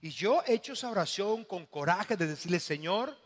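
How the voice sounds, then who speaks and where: A man with a Mexican accent preaching a sermon as pastor, swinging between loud, dramatic passages and hushed, quiet ones. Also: sits high, expressive, a little fast, husky, long reverb tail. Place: church.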